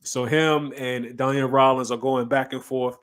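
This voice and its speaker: A man co-hosting a podcast, talking in casual chat with emphatic, animated bursts. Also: mid-range voice, normal speed, smooth. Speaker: podcast co-host.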